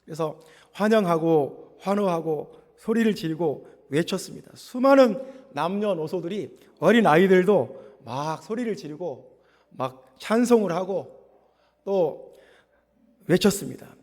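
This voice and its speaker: Impassioned high-voiced male preacher. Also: animated, unhurried, big-room sound. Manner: impassioned preaching, rising to loud proclamations. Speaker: pastor. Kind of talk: Pentecostal sermon. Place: church sanctuary.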